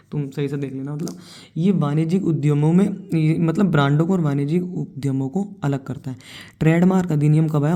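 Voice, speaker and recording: Young woman, exam coach, informal lecture, talks to students directly, teasing asides, mellow, warm. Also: deep voice.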